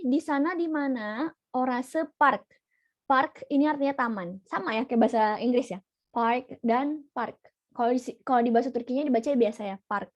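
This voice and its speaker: Patient young woman teaching slowly. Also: on the high side, dry recording. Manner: patient, repeats each point slowly. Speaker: language teacher. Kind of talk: online class teaching.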